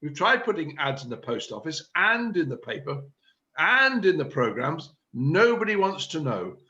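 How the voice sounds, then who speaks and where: Guy doing a self-important amateur theatre chairman, bright punchy voice, bit higher, muffled video call sound. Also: sing-song, normal speed. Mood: scheming. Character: pompous scheming man chairing an amateur drama group. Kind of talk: amateur play reading.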